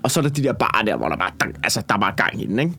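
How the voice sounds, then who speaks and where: A stand-up comedian with a Copenhagen Danish accent tells a story in casual conversation, rambling and swearing as he gets worked up. His voice is lowish, very animated and sharp in tone.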